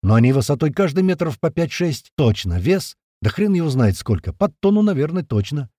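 A man narrating a first-person audiobook in a colloquial, rough-spoken, vivid way. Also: fairly high pitch, big pitch swings, a little fast, mellow, no room sound, clean studio sound.

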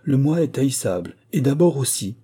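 A man's voice: mid-range voice, very animated, moderate pace, warm tone, slightly rough, pitched above the performer's own voice. A man playing a prim, fussy governess. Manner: disdainful, correcting.

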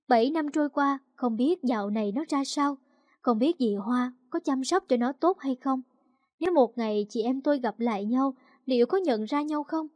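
A woman tells a first-person story in an emotional, confiding manner. Her voice sits high, and the recording is dry and close with no room sound. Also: a little mellow, dry recording. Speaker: narrator.

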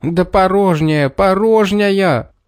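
A hapless young village boy from a storybook, mumbling and whimpering in a high, squeaky voice, as a man puts him on. His lines swing between a whine and a shout. The recording is very dry, with no room at all. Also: big pitch swings, a little slow, dry recording. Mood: insistent shouting. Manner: whiny, pleading.

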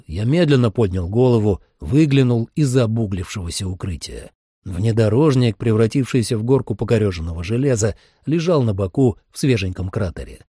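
Expressive husky male audiobook narrator. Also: medium pitch, no room sound, clean studio sound. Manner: expressive, dramatic. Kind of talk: first-person audiobook narration.

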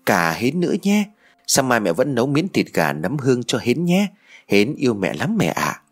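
A man's voice: mid-range voice, wildly swooping pitch, normal speed, breathy edge, soft background music. A man voicing two small, tearful daughters pleading with their mother in an audio story.

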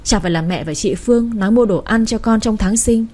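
A woman's voice: mid-range voice, fairly quick, mellow, close to an everyday voice. A woman voicing a wronged young wife who speaks reproachfully and pleads. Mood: bitter reproach.

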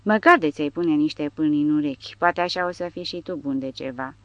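A woman's voice: low voice, a bit bright, no echo, dull audio. A woman voicing a spiteful male soldier who hisses insults in an audiobook. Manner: hissing and venomous.

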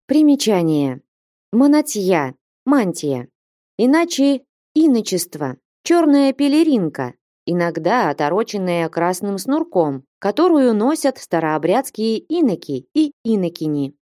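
A woman reading a classic novel aloud as an expressive audiobook narrator. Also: medium pitch, measured pace, no room sound, clean studio sound.

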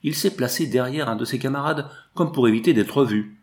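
A man reading a novel aloud in a measured, descriptive narration. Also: mid-range voice, a little mellow. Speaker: audiobook narrator.

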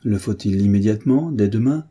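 A man's voice: fairly low pitch, fairly quick, dark tone, breathy edge. A man doing an earnest pleading young woman.

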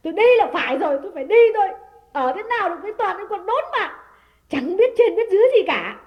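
A woman voicing a furious, jealous lady of the house who scolds and curses in shrill shouts. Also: racing, long reverb tail, highs cut off, close to an everyday voice. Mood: enraged scolding.

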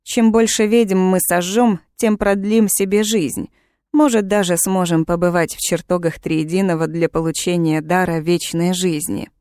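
A woman's voice: unhurried, darkish tone, no room sound, clean studio sound. Woman reading as a smug fanatic guy jailer, hisses and squeals when mad. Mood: pompous. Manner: pompous, hissing, shrill when angry. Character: pompous fanatic male witch-hunter jailer.

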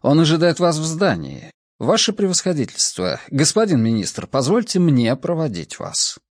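A man's voice: fairly high pitch, huge pitch swings, moderate pace, dry recording, clean studio sound, voice pushed up. A man doing a courteous deputy director. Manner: courteous, formal. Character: tall polite male deputy director.

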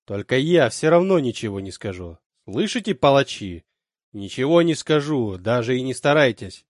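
A man's voice: medium pitch, big pitch swings, normal speed, no echo, close to an everyday voice. A wounded young rebel woman who sneers at her captors with scorn and defiance, as a male narrator voices her. She speaks with a Slavic-planet accent, and the reading stays close and dry. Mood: defiant.

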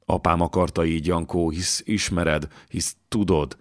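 A man voicing a young noblewoman who speaks softly and pleadingly. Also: deep voice, dry recording, clean studio sound, natural voice. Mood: sad. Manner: soft, pleading. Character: young noblewoman, betrothed against her will.

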